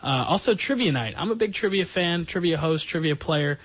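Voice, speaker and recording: A man's voice: fairly high pitch, animated, brisk, fairly bright tone, no echo. A man hosting a sports podcast, talking casually with sarcastic jokes and asides. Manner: chatty, jokey, sarcastic asides. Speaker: podcast host. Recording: dull lo-fi sound.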